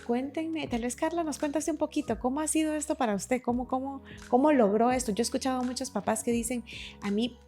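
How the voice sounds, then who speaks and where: A woman's voice: high voice, steady tone, fast, few pauses, mellow, soft background music. A woman with a Guatemalan Spanish accent hosting a podcast, asking guests reflective questions. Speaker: podcast host. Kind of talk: podcast interview.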